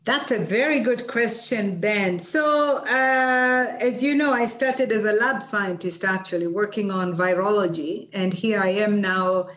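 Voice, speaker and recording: A middle-aged woman from Tanzania answering seminar questions on a video call, measured and full of fillers. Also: mid-range voice, a bit bright. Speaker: guest speaker, UN official. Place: office with banners behind. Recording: roomy video call audio.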